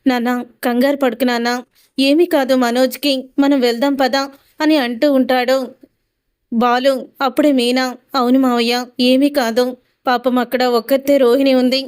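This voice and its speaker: A woman's voice: high-pitched, flat delivery, normal speed, smooth. A woman retelling a TV serial episode, narrating the story and reading out each character's lines in quotes. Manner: recounts dialogue in quotes with frequent "ani antu untundi" tags.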